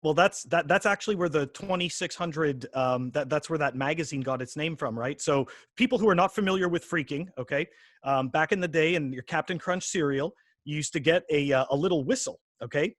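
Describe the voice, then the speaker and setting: A man's voice: on the high side, brisk, a bit bright, no room sound, studio quality. A man in his forties from Quebec, a podcast guest chatting casually, rambling with many restarts and fillers. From Quebec, Canada. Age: 40s. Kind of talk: casual interview chat.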